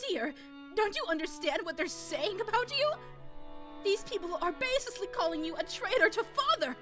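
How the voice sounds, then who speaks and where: A woman's voice: extremely high pitch, lively intonation, fairly quick. A woman reading the part of a proud wife berating her husband, with music behind. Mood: aggrieved. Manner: rising, accusing. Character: proud indignant wife, bitter and hurt. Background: music playing.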